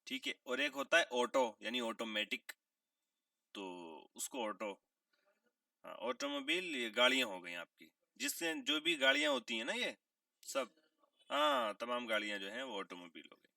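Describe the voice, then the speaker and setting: Lively, gravelly-voiced man teaching vocabulary. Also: medium pitch, no echo, studio quality, recorded from a distance. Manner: asks questions and answers them himself, repeating key words; clears his throat now and then. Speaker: English teacher. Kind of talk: classroom vocabulary lesson.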